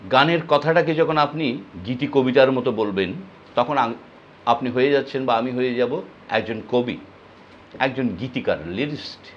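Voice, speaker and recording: A man giving a spoken music lesson, explaining pronunciation slowly and demonstrating words and short sung phrases. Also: mid-range voice, highs cut off, slight background noise. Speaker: music teacher.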